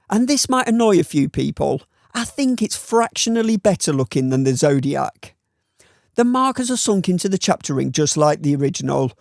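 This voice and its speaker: A man's voice: fairly high pitch, gravelly, no room sound. A man with a Northern English accent giving a scripted watch review voice-over in a dry, wry, opinionated way. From Northern England.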